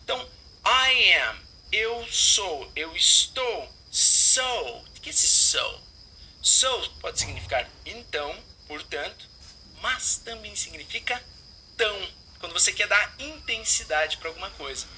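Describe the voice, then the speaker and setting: A man's voice: high-pitched, sing-song, takes it slowly, pushed and bright, slight background noise, low-quality recording. A man teaching English, explaining phrases and drilling pronunciation by repeating words.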